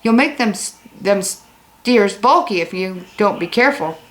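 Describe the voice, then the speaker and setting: A woman voicing a bossy older farm brother who gives orders in a firm, slow, raised voice during a storybook read-aloud. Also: mid-range voice, expressive, a bit bright, slight background noise, poor audio.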